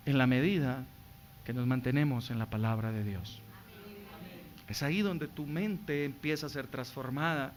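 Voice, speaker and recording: A man preaching a sermon as pastor in a church, swinging between quiet stretches and loud passages and asking the congregation rhetorical questions. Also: fairly high pitch, slight background noise.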